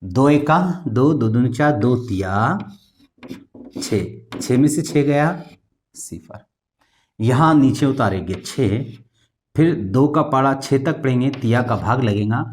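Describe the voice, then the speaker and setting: A math teacher explains arithmetic in a slow, patient classroom lesson, putting questions to the pupils and chanting multiplication tables in a singsong. His pitch swings widely, rising on questions and dropping low at the ends of lines.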